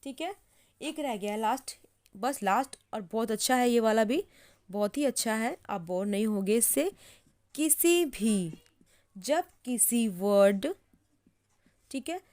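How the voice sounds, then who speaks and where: A woman teaching English pronunciation in Hindi, repeating each word slowly as she writes it and checking in with "ठीक है" again and again. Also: on the high side, lively intonation, a little mellow. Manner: repeats words slowly while writing, says "ठीक है" often. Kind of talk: slow explanatory lesson.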